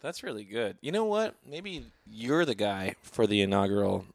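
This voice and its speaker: A man's voice: lowish voice, expressive, moderate pace, no echo. A man chatting in casual, joking banter.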